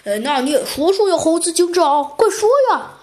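A woman voicing an eager little male chick police officer in a children's storybook, excitable and bossy. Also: very high-pitched, normal speed.

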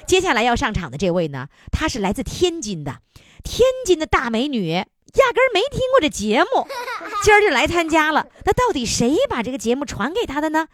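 A woman's voice: high voice, sing-song, brisk, fairly bright tone, slight background noise. A woman hosting a radio call-in show, chatty and playful, laughing often.

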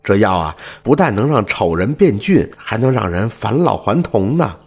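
A man voicing a frail, kind old beggar woman who speaks softly and slowly in a spoken folk tale. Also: fairly low pitch, big pitch swings, breathy edge, full character voice. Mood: kindly. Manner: soft, slow, pleading.

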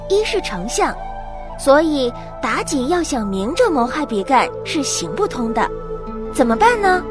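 A woman narrating a classic tale as a storyteller, in a lively, dramatic way. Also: high-pitched.

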